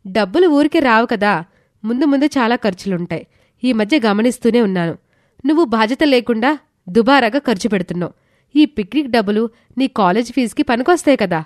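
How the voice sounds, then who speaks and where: A woman's voice: on the high side, expressive, fairly quick, a little mellow, no room sound, clean studio sound, natural voice. A woman voicing a responsible young older sister in an audio story, earnest and pleading.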